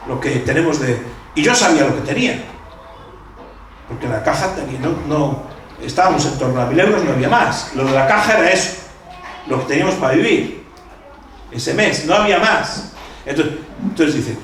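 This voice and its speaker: An older man preaching a sermon as a pastor, telling a story with lively voices for the people he quotes. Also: fairly high pitch, slight background noise. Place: church hall. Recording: echoey church from far off.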